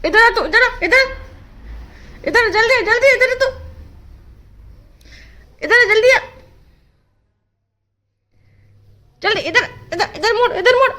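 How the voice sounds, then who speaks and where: A woman calling and coaxing her dog in a high, loud, playful voice. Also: expressive, normal speed, pauses often, heavily acted.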